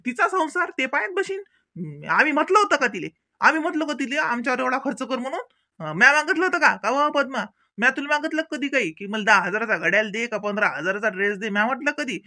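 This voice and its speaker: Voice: medium pitch, pushed and bright, no room sound, studio quality, lightly acted. A performer doing a defensive village man with a Vidarbha accent. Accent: Vidarbha Marathi. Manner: defensive, stammering. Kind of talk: cartoon comedy voice acting.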